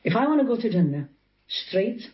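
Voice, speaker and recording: A woman with an Arabic accent and a mid-range voice speaks fairly quickly and very animatedly, and the sound is lo-fi. She's an Islamic teacher explaining her views in an interview, posing rhetorical questions and quoting scripture in Arabic.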